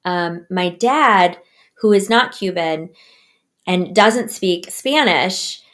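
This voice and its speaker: Earnest, slow-speaking woman author. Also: fairly low pitch, a bit bright. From United States. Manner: earnest, measured, with pauses and restarts. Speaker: author guest. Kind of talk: interview answers.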